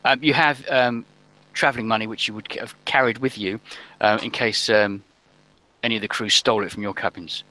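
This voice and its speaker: A man running a tabletop role-playing game as game master, talking haltingly with many ums and restarts. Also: fairly low pitch, fairly even intonation, bright, forceful tone, poor audio.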